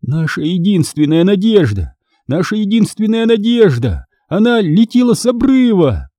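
A man reading aloud, voicing a frightened boy hero who shouts urgent pleas. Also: high voice, big pitch swings, moderate pace, no echo, studio quality, pitched above the performer's own voice. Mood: desperate.

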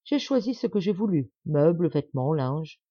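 A woman's voice: low-pitched, expressive, moderate pace, warm tone, slightly rough, no echo, lo-fi sound. A woman reading the part of a proud, stubborn middle-aged man who talks with insistent, forced cheer. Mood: satisfied.

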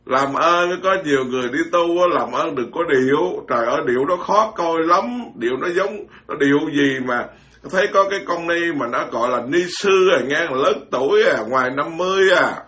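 A man's voice: a little high, brisk, bright, forceful tone. A man, a Buddhist monk giving an informal dharma talk, blunt and scolding, mocking others and stammering through repeated words.

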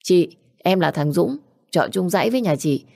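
A woman's voice: low voice, normal speed, mellow, no room sound, studio quality. A woman voicing a poor, earnest young orphan man who speaks in a tender, pleading way. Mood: eager.

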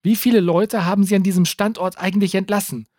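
Blunt, exasperated politician woman, read by a man, raised pitch. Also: big pitch swings, normal speed, darkish tone, dry recording, clean studio sound. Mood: urgent. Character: tough, sharp-tongued woman politician.

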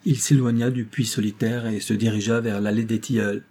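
A man narrating a classic novel in an even, literary reading style. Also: on the low side, a little fast. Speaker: audiobook reader.

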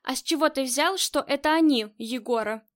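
A woman's voice: high voice, moderate pace, lightly acted. A woman voicing a stubborn, tough female gang leader in an audiobook, curt and commanding. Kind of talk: audiobook character reading.

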